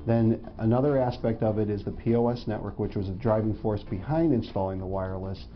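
A man in his forties calmly explaining a stadium network in a corporate testimonial interview, filmed in a studio. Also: lowish voice, fairly quick. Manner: plain, matter-of-fact explaining. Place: indoor studio before a logo backdrop. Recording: slightly dull audio with faint music.

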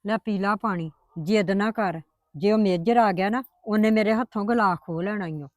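A woman playing a patient grandmother who calmly coaxes and placates her family. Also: medium pitch, normal speed, dry recording, dull audio, close to an everyday voice. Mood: coaxing. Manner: coaxing, placating. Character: patient grandmother, soothing mother-in-law. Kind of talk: family drama acting.

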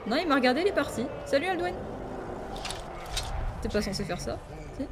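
A woman streaming a game, chatting excitably to her viewers and laughing often. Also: high voice, a little fast, noisy background. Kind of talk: let's play commentary. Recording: game music playing behind.

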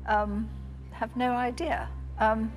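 A woman's voice: on the high side, level tone, soft background music. Hesitant woman on a quiz panel. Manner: uncertain, hesitant with pauses. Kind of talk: thinking aloud on a quiz show. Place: TV studio.

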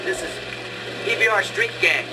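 A man's voice: high-pitched, moderate pace. A man making a radio check in clipped, procedural military radio talk, his voice coming through a transmission broken by static bursts. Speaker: radio caller. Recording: distant voice under loud music.

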